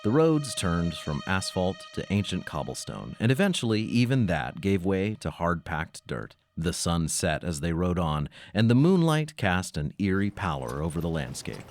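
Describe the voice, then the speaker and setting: A man with a low, sing-song voice hosts and narrates a comic audio drama, delivering scripted story narration and announcements at a moderate pace with few pauses. A little hiss or hum is audible.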